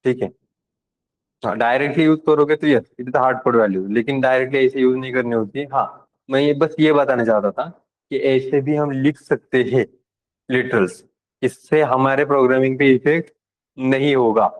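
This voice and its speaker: A programming instructor leads a live classroom lecture, speaking casually and directly to his students and checking whether they're keeping up. He switches between Hindi and English terms, using a middling pitch at a moderate pace. The recording is rough.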